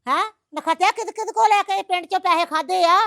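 A woman plays a sharp-tongued village mother in a comedy skit. She fires off questions at a quick clip in a very high voice. The sound is dry and close. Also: vocal fry, no echo, exaggerated voice. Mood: scolding. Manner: scolding, rapid-fire questions.

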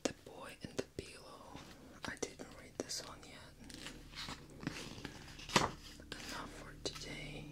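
Binaural whispering young woman, ASMR reading. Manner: soft, unhurried, fully whispered. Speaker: ASMR host. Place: small indoor room. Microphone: close binaural microphone in a plush cover.

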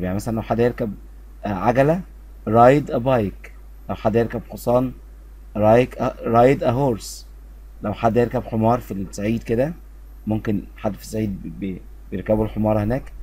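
A man with an Egyptian Arabic accent teaching a beginner English lesson, drilling words slowly and having students repeat after him. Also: on the low side, warm tone, slightly rough.

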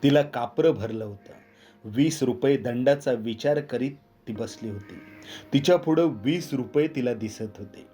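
A man's voice: medium pitch, measured pace. A man reading a dramatic village story aloud, raising his voice to act out the characters' lines. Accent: Marathi. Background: soft instrumental music.

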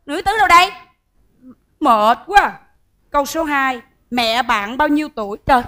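In a stage comedy sketch, a bossy, sharp-tongued woman performer. She fires off quick, high-pitched exclamations and teasing jabs. Her delivery stays brisk and mocking. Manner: rapid, teasing, exclamatory, bickering. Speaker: comedic lead.

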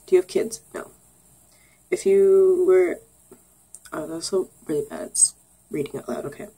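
Young woman vlogger, low mellow husky voice, giggly and rambling, sarcastic. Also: moderate pace, poor audio. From Canada. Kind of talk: casual get-to-know-me vlog.

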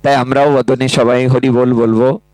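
A man's voice: mid-range voice, level tone, darkish tone, no room sound, low-quality recording. A man preaching a devotional story sermon, breaking into chanted verses and speaking directly to the women listening. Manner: drawn-out chanting delivery, dramatic voicing of quoted characters. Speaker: Bhagavata reciter.

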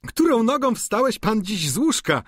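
A man doing a shrill, bossy landlady. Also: big pitch swings, moderate pace, fairly bright tone, no room sound, clean studio sound, full character voice. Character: bossy older landlady, chattering and sharp. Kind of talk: audiobook character reading.

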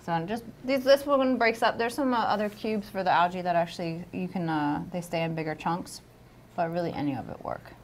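A woman's voice: on the low side, a little fast, a little hiss or hum. A woman co-hosting a casual livestream, chatty and upbeat with lots of fillers while she demonstrates. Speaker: co-host of a livestream. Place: aquarium studio.

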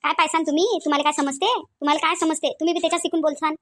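A woman's voice: sits high, fairly even intonation, rapid-fire, lightly acted. A woman voicing an angry, scolding middle-aged mother-in-law in a cartoon, with a Varhadi Marathi accent and a habit of repeating herself. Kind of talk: cartoon voice acting.

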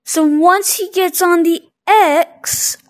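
Nervous high-voiced woman playing a horror game. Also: slow. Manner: nervous, scared reactions with gasps and slangy exclamations. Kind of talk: casual gameplay commentary. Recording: clearly noisy, game sounds behind.

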